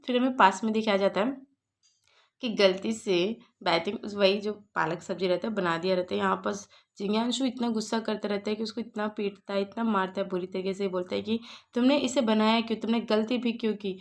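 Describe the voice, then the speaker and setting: A woman recapping a comic story in a relaxed, chatty way. She drops English words into her speech as she goes. Her pitch sits in an ordinary middle range. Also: a little fast. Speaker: story explainer.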